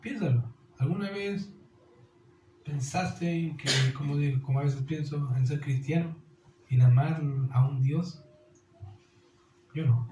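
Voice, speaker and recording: Man, pastor's sermon, fairly high voice, mellow tone, echoey hall. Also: a little slow, long pauses, muffled recording. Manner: earnest preaching, calls listeners "dear", asks rhetorical questions. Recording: echoey hall with faint noise.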